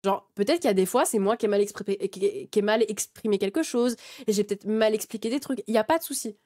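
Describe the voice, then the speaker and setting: A woman's voice: medium pitch, quick pace, warm tone. A woman in her twenties streaming and talking heatedly to her chat, swearing freely and restarting her sentences often. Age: 20s. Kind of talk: casual rant to chat.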